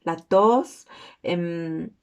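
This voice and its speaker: A young woman with a Mexican accent and a naturally hoarse voice, giving an earnest, informal class presentation. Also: extremely slow. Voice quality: hoarse, low-toned voice.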